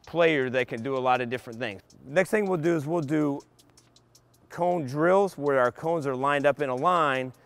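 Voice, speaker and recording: A middle-aged man coaching basketball, calmly explaining drills step by step to young players in a large empty indoor arena. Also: on the high side, normal speed. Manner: patient step-by-step explaining to kids. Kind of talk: instructional clinic demonstration.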